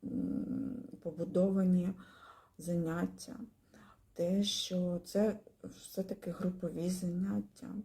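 A woman giving a spoken testimonial about her language course, pausing often with fillers and restarting her words. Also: fairly low pitch, vocal fry, mellow. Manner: hesitant, many fillers and pauses.

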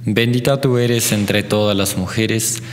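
Low-voiced Ecuadorian man leading prayers. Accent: Ecuadorian Spanish. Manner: measured, even chanting recitation. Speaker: prayer leader. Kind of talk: leading a recited rosary. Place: chapel. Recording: long chapel reverb.

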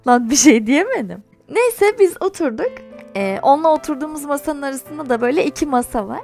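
A woman's voice: high voice, a little fast, gravelly, faint music behind. A young woman vlogging, chatting and laughing as she tells a personal story. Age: young adult. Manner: chatty, animated, laughs while telling. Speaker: YouTuber. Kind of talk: casual storytelling vlog.

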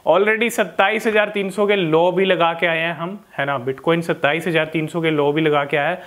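A crypto vlogger in his thirties with an Indian accent gives informal market commentary to camera on a lapel mic. His voice is on the high side and a bit bright, with fairly even intonation and a moderate pace, and he explains things while often checking in with short tag questions.

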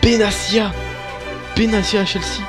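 A man giving casual, excitable commentary over a football video game, swearing and cheering at his players. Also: high-pitched, unhurried. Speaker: gaming YouTuber. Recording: faint background music.

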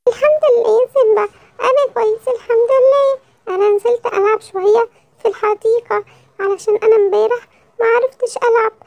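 A woman's voice: gravelly, darkish tone, no echo, lo-fi sound. Woman voicing a greedy boy monkey, Egyptian Arabic accent, whiny storybook voice, dry close sound. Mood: cheerful. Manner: whiny, wailing, squeaky childish voice. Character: greedy little boy monkey with sweet tooth. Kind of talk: children's storybook voice acting.

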